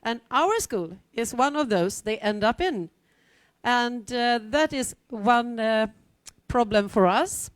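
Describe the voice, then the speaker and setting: A middle-aged woman from Sweden talks on a conference panel, chatty and wry, with plenty of ums along the way. Her voice is smooth and clear and sits a little high. The sound is close and dry. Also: lively intonation, slow, no room sound. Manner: chatty, wry asides, frequent fillers. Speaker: teacher at a vocational school, panel speaker. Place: conference hall, standing before an audience.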